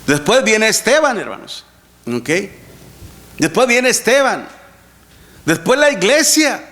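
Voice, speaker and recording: A man's voice: sits high, sing-song, slow pace, bright, forceful tone. A man preaching an earnest sermon, repeating scripture references and addressing the congregation directly. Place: church.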